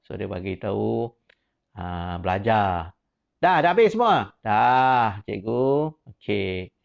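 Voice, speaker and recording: Man, Malaysian Malay accent, gravelly voice, teacher training talk, repeated questioning. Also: fairly low pitch, very animated, slow. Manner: repetitive questioning, rising emphatic prompts, mixes English words. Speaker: teacher giving a workshop to teachers. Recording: dull lo-fi recording.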